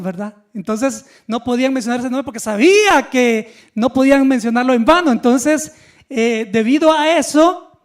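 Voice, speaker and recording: A male pastor preaching a Sunday sermon in a lively teaching manner, putting questions to the congregation. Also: very high-pitched.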